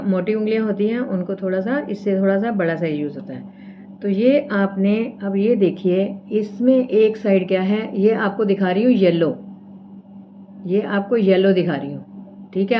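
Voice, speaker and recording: Woman, patient step-by-step teacher, mid-pitched voice, dull audio. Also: a little hiss or hum. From India. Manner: explains step by step, repeats "theek hai" often. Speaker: acupressure teacher. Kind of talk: casual demonstration lesson.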